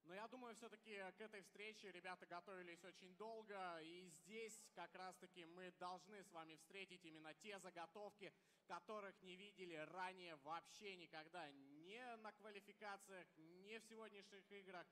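A man's voice: high voice, steady tone, moderate pace, bright, forceful tone. A young man commentating live on an esports match through a headset in an arena. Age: young adult. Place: caster desk on stage in large indoor arena. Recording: reverberant large event hall.

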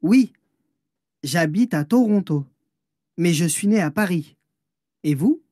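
A man playing a friendly adult speaker in a scripted language-course dialogue, speaking slowly and clearly. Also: high voice, expressive, mellow, dry recording, studio quality, exaggerated voice. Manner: slow, clearly spoken textbook dialogue.

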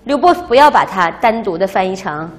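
A woman teaching a language class, explaining words and quizzing her students in a lively way, recorded in a classroom. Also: medium pitch, fairly quick. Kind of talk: classroom lecture. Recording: reverberant classroom.

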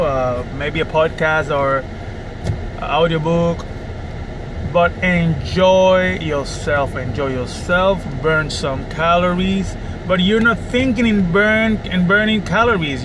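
Slow-talking trainer man in a car. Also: fairly high pitch. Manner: slow, thoughtful, gestures with hands. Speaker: personal trainer. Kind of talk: casual talk to camera. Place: parked car, indoors. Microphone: camera on the dashboard. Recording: car interior with clear air-conditioning hum.

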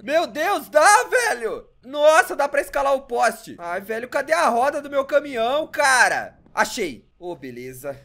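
Brief: young Brazilian man, casual gameplay commentary, bright lively voice, loud exclamations and constant slang. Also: high-pitched. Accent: Brazilian Portuguese. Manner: exasperated, complaining about bugs. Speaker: gamer.

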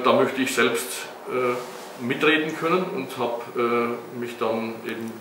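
A middle-aged man, a mayor, answering children's interview questions in a casual, hesitant way with many fillers and tag questions. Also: medium pitch. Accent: German. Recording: echoey room, recorded from a distance with faint noise.

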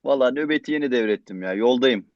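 Radio drama: man as dutiful busy cop, rapid familiar delivery, muffled sound. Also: mid-range voice, close to an everyday voice. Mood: busy, resigned. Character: busy, dutiful policeman son heading home. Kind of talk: Turkish radio theatre acting. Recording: dull, distant call-like sound.

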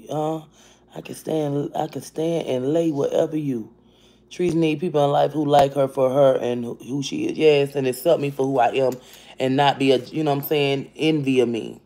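This livestream host talks at a normal speed, her voice deep for a woman, as she reads viewer comments in a casual chat from her kitchen at home. She's animated, curses freely, speaks bluntly and addresses people by name, all picked up by a phone camera held at arm's length.

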